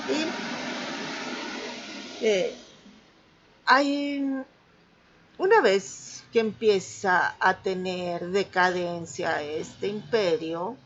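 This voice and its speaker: A woman's voice: mid-range voice, extremely slow, long pauses, a bit bright, highs cut off. A woman teacher with a Mexican accent giving an online class lecture, patiently checking understanding as she goes. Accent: Mexican Spanish.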